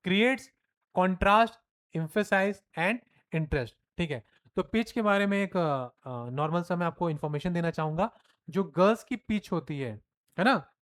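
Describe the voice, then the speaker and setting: Hindi-speaking male teacher, question-and-answer lecture. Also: high-pitched. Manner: lively, mixes Hindi and English, asks and answers his own questions. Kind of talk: classroom lecture.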